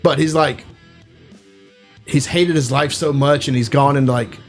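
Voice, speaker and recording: A man's voice: medium pitch, moderate pace, soft background music. A man hosting a casual podcast chat, retelling a film plot in a rambling way, full of fillers, acting out quotes. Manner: rambling, filler-heavy storytelling, acts out quotes. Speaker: podcast host.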